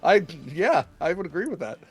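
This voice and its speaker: A man running a tabletop game as game master, improvising narration in a halting, conversational way. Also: high voice, sing-song, husky, no room sound.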